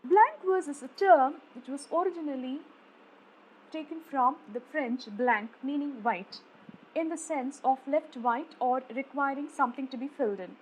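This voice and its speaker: A woman with an Indian English accent, teaching a lecture and spelling out terms slowly and deliberately, one by one. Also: sits high, slight background noise, low-quality recording. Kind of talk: explaining lecture on poetic meter.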